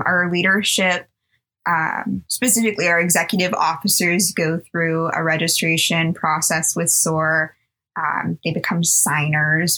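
A woman's voice: deep voice, sharp tone. A young woman in her twenties, a sorority chapter president, answering interview questions in a chatty, upbeat way with many ums.

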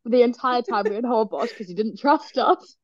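A woman's voice: on the high side, lively intonation, fairly quick, highs cut off, crowd noise. A woman co-hosting a casual podcast, telling travel stories, swearing casually and laughing often. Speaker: podcast co-host. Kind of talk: casual chat.

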